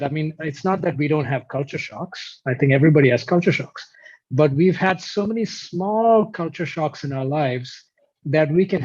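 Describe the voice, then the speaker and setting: A guest musician from Kuwait speaks reflectively and explains his thoughts in a conversational video-call interview. His voice is a little high, with a darkish tone and a breathy edge. The call audio is dull and lo-fi.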